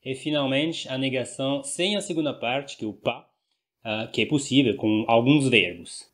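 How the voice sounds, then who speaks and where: A man who is a native French speaker, teaching a language lesson and repeating example phrases slowly and carefully. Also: mid-range voice. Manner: slow deliberate repetition of example phrases; switches between Portuguese and French explanations. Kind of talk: language lesson explaining grammar.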